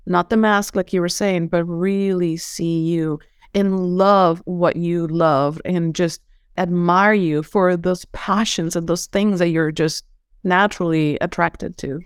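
Taking it slowly in a steady, lowish, clean-toned voice, a Venezuelan holistic coach and former psychologist of middle age talks as a podcast guest. She comes across as earnest and effusive, with a Venezuelan Spanish accent and a habit of repeating opening words. No room sound; clean studio quality.

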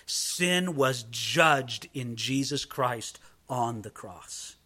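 A man preaching an expository sermon. He repeats phrases for emphasis and slows down to stress key words. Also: mid-range voice, animated, bright, forceful tone, slightly rough. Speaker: pastor.

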